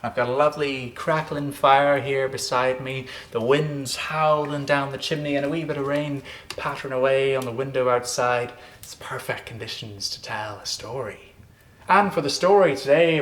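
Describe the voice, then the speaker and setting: A man's voice: mid-range voice, a bit bright. An Irish man telling a story in a lilting, theatrical way, as a scripted narration. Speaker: storyteller, host. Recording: roomy echo, music behind.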